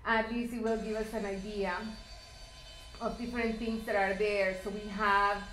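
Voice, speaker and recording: A woman's voice: medium pitch, level tone, moderate pace, a bit bright, a little hiss or hum. A woman from El Salvador giving a public talk about her art installations, speaking reflectively with fillers and restarts. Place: lecture hall. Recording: echoey lecture hall.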